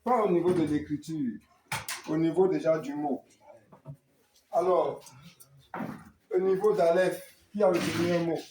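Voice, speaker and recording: A man teaching a Hebrew class, quizzing students on words and gently correcting them. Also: on the high side, steady tone, a little slow, pauses often, reverberant, background noise. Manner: questioning and correcting students, encouraging. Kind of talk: classroom lesson.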